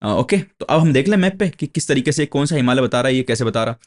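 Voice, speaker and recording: A man's voice: medium pitch, lively intonation. A male teacher giving an exam coaching lecture, explaining step by step, repeating key terms and answering his own questions. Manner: slow, deliberate when reading English textbook lines aloud.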